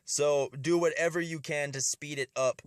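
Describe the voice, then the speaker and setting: A man's voice: a little high, steady tone, moderate pace, no room sound, studio quality. A man with a slightly stuffy nose from a cold, giving casual gameplay commentary as host of a strategy video and often repeating his words.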